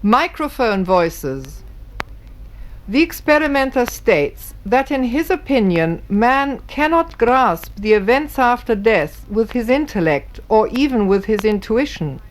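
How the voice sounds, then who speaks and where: A woman's voice: fairly high pitch, sing-song, a little slow. A woman giving formal, scripted narration, reading carefully and precisely.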